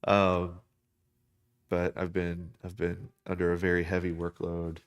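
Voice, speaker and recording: A man's voice: low-pitched, monotone, measured pace, clear, resonant tone. A man from the United States chatting casually on a drawing live stream, rambling with many fillers and restarts.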